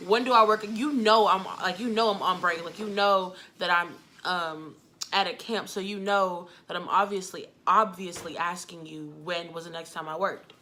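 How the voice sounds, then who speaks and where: A young woman with a bright, forceful voice tells a story in a loose, chatty way. She leans on "like" and slips into other people's voices as she goes. Faint hiss sits under her speech. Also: fairly low pitch, fairly even intonation, moderate pace. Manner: chatty, full of "like" fillers, quotes people vividly. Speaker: vlogger. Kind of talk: casual storytime.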